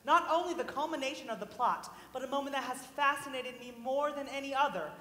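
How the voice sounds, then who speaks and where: Actress as a lonely male show-tune fan, high bright voice, confiding; reverberant theatre hall. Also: brisk. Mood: wistful. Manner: confiding, wistful storyteller asides. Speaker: stage actor. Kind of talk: live stage musical acting. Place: university theatre stage.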